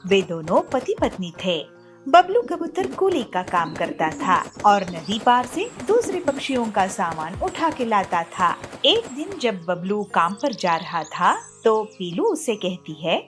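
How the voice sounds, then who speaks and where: A woman narrating a children's cartoon story in a lively, sing-song manner. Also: medium pitch, a little slow, music in the background.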